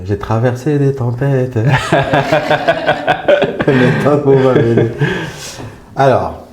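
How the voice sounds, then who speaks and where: Speaking extremely slowly at medium pitch, a Congolese man in his forties guests on a podcast, chatting hesitantly and informally about his life with lots of fillers and restarts. A crowd can be heard in the background, along with a roomy echo and faint music.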